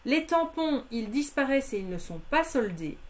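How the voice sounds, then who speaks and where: High-voiced woman listing sale prices. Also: very animated, moderate pace. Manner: methodically lists discounts and prices; addresses viewers familiarly. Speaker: crafting product demonstrator. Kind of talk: live product sale presentation.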